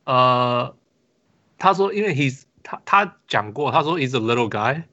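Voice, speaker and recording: A man co-hosting a casual podcast chat, talking haltingly with restarts and mixing Mandarin and English. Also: medium pitch, animated, sharp tone, muffled recording. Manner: halting, code-switching with many restarts. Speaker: podcast co-host.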